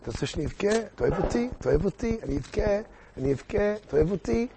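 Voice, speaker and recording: A man voicing a whiny young queen who pleads tearfully and repeats herself in a soft, higher voice. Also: animated, creaky, background noise. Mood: whiny pleading. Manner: whimpering, repeats pleas.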